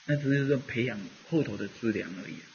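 A man's voice: medium pitch, quick pace, darkish tone, dull audio, slight background noise. A man giving a rambling, conversational Buddhist dharma talk, full of fillers as he teaches.

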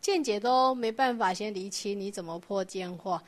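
A woman's voice: mid-range voice, moderate pace. A woman teaching a Buddhist doctrine lecture, explaining patiently and asking her class rhetorical questions.

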